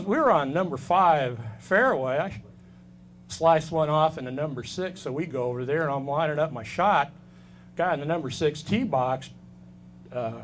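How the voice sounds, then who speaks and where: A man's voice: on the high side, slight background noise. A man in his fifties performing a stand-up set, delivering dry, self-deprecating one-liners on a comedy club stage. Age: 50s.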